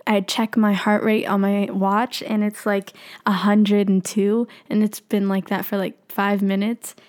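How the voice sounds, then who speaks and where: A woman's voice: medium pitch, level tone, measured pace, darkish tone. A young adult woman with freshly tightened braces on her teeth, talking casually and candidly as a solo podcast host. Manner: candid, self-reflective.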